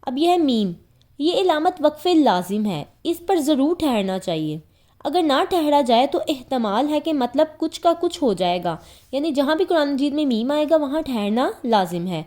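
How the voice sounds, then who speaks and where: High pitched woman, pakistani urdu accent, patient quran teacher going over each point twice. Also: sing-song, dark tone. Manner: patient, repeats each point in simpler words. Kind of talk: explanatory religious lesson.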